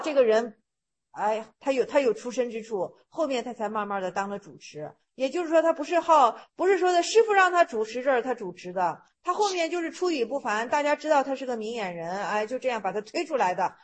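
Husky high-voiced woman explaining a koan. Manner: talks it through loosely, repeating phrases and restarting often. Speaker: Buddhist teacher explaining Zen koans. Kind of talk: informal lecture retelling and explaining a koan.

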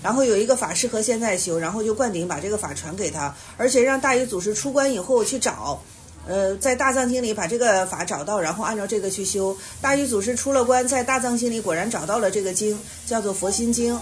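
A woman teaching meditation, answering questions patiently and explaining at length with soft affirming hums. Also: mid-range voice, animated, quick pace, a little hiss or hum. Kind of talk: Buddhist question-and-answer talk.

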